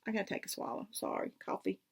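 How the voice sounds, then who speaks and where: A woman hosting a casual crafting vlog, rambling and easily sidetracked, with many fillers. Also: fast. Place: home craft room.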